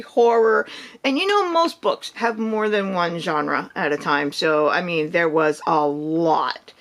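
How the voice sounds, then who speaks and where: A woman's voice: medium pitch, fairly bright tone. A woman in her fifties chatting casually about her reading in a rambling way, with many ums and restarts. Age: 50s. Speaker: book vlogger. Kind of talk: casual reading wrap-up chat.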